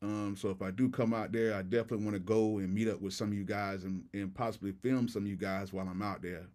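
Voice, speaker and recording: A man's voice: fairly low pitch, fairly even intonation, quick pace, a little mellow. An American man from Florida hosting a casual livestream, talking with retainers in his mouth, using slang and repeating his greetings and phrases. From Tampa, Florida. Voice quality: slightly off articulation from wearing retainers. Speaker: livestream host and music producer.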